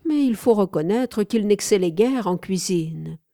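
A woman's voice: mid-range voice, lively intonation, unhurried, warm tone, dry recording, studio quality. A woman voicing a self-assured society fortune-teller who declares her opinions, in an audiobook reading. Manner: declaring, authoritative.

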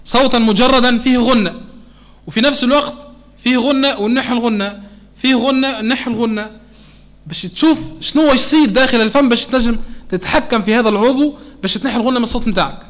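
A man with a Tunisian Arabic accent teaching a Quran recitation lesson to a class, often checking that students follow and slowing down to model sounds. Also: very high-pitched, fairly bright tone.

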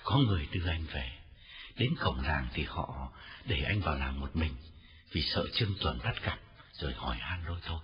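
A man voicing a weak, exhausted young man who speaks softly and haltingly with fever. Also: fairly high pitch, expressive, close to an everyday voice. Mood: tired. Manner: soft, weary, halting speech. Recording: dull lo-fi audio with faint music.

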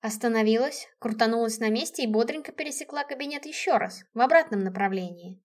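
A woman reads a first-person novel aloud in a steady, expressive way. Her voice sits somewhat high for a woman. The reading is measured and even. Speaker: audiobook narrator.

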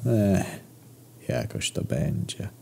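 A man voicing a weary old sculptor with a hoarse voice and slow mournful drawl. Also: very deep voice, animated, mellow, slight background noise, heavily acted.

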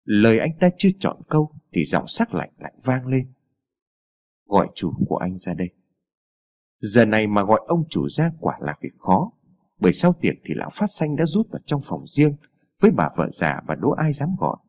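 Husky, expressive male storyteller. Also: on the low side, fairly quick. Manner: dramatic, expressive reading. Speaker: narrator. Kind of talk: scripted storytelling narration.

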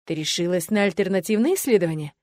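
A woman's voice: lowish voice, lively intonation, quick pace, a little mellow, dry recording, studio quality, close to an everyday voice. A woman voicing a sly, teasing male demon with an insinuating, playful way of talking, in an audiobook reading.

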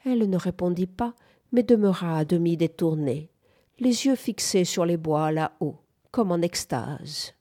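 A woman narrating a literary audiobook in a calm, measured way. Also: lowish voice. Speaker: audiobook reader.

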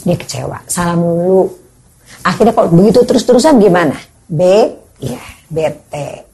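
Older lady at a parenting seminar, animated, keeps asking the crowd stuff and doing parent voices. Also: on the low side, normal speed. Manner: lively, acts out scolding parents, asks audience questions. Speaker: parenting speaker.

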